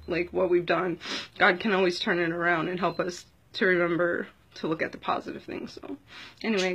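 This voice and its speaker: A woman's voice: on the low side, creaky, fairly bright tone, husky, poor audio. Earnest rambling woman sharing a testimony. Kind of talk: casual testimony vlog.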